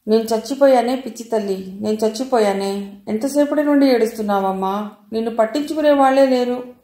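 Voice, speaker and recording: A woman voicing a sharp-tongued, cynical older woman who scolds and lectures in an audio novel. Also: on the high side, steady tone, moderate pace, reverberant, lightly acted. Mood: fussing.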